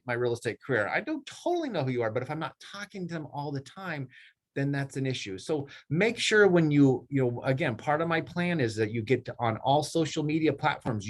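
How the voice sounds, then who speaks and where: Animated middle-aged man coaching his team. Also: on the high side. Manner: animated, rambling, acts out clients in raised voices. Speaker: real estate team leader coaching agents. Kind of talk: casual coaching talk.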